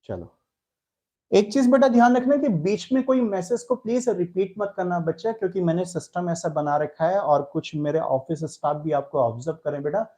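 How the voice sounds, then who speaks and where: A man's voice: high-pitched, normal speed, dark tone. A man with an Indian accent teaching a live online chemistry class, answering students' chat messages in a fatherly, reassuring way.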